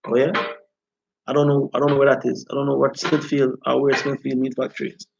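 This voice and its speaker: Guy doing live rasta style commentary, creaky voice, kinda dull lo-fi audio. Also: mid-range voice, flat delivery, fast talker. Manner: repeatedly checks listeners follow. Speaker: host of a live talk stream. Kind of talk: informal live commentary, reading out viewer comments.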